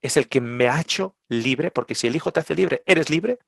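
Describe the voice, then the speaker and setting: Male preacher, lively higher voice, dry close mic. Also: creaky, breathy edge, dry recording. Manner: emphatic, slows down to stress words and drops to a near whisper. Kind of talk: sermon.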